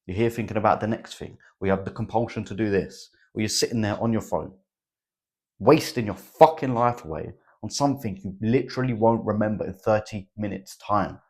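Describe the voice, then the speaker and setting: A man's voice: on the low side, fairly quick, a little mellow. A young man, giving a blunt motivational monologue full of swearing and "bro". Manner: blunt, swears a lot, says "bro" and "right?". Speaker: self-improvement vlogger.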